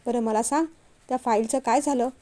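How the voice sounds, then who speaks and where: A gentle young woman from a storybook, soft and coaxing, quick to apologize, read by a woman. Her voice sits high and warm. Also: steady tone, natural voice.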